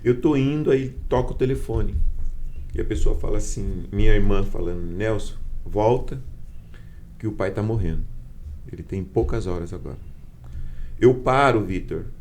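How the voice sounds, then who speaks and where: A man's voice: lowish voice, moderate pace, long pauses, a little mellow, slight background noise. A man with a Brazilian Portuguese accent, a bishop guest telling a heartfelt personal testimony and acting out the quoted dialogue. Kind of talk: personal testimony in a podcast conversation.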